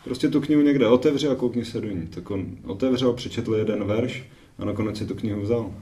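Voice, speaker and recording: Live interpreter, steady mellow guy, echoey room far from mic. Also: lowish voice, fast talker. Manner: steady, relays others' words. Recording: echoey room, distant mic, faint noise.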